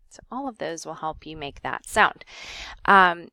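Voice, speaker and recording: A woman teacher giving a recorded lecture, carefully sounding out words and filling pauses with um. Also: low voice, expressive, pushed and bright, no echo, studio quality. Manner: careful, demonstrating pronunciations with frequent ums.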